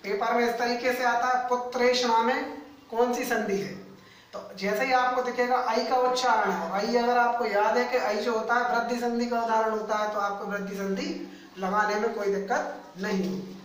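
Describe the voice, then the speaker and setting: A man teaching a grammar lesson to coaching students, speaking slowly and repeating key points, addressing them as friends. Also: extremely high pitch, steady tone, fairly bright tone, recorded from a distance, slight background noise. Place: coaching classroom. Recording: echoey room, voice away from mic.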